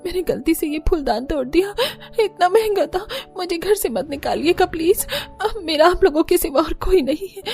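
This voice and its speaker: A woman's voice: high-pitched, normal speed, warm tone, soft background music, lightly acted. A woman voicing a timid young orphan bride in a cartoon story, anxious and apologetic. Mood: tearful. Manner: apologetic, tearful pleading.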